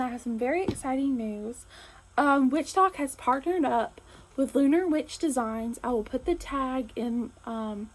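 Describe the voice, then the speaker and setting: Lady hosting her channel, bubbly and chatty, kinda high voice. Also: a little mellow, low-quality recording. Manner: enthusiastic, chatty, frequent fillers. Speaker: host. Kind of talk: casual chat to camera.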